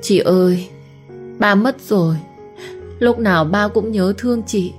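A woman's voice: mid-range voice, moderate pace, darkish tone, soft background music, close to an everyday voice. A woman voicing a frightened young woman who pleads through tears to her older sister. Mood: tearful. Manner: tearful, pleading.

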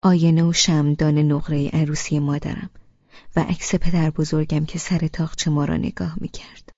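A woman narrating a first-person audiobook in a soft, often whispery voice. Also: deep voice, vocal fry, breathy edge, no echo, highs cut off.

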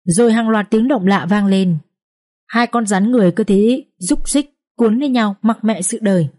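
A young woman narrating a Vietnamese family drama with lively, colloquial storytelling. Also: mid-range voice, normal speed. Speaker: audiobook narrator.

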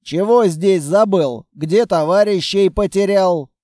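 A man voicing a gruff, skeptical male former ranger who grumbles at his old partner in an audiobook. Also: sits high, takes it slowly, mellow, no echo, clean studio sound.

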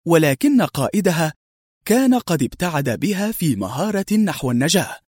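Man, audiobook narrator, dramatic, lively pitch, husky, dry close recording. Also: no echo. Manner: dramatic, animated storytelling.

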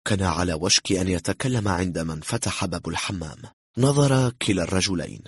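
A man reading a thriller novel aloud in a steady, measured narrating voice. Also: sits low, slightly rough, dry recording, studio quality. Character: calm, cool-headed man bluffing.

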